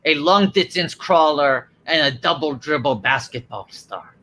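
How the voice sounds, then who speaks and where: A man's voice: on the high side, animated, a little slow, bright, forceful tone. A man hosting a livestream and leading improvised comedy banter. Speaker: host.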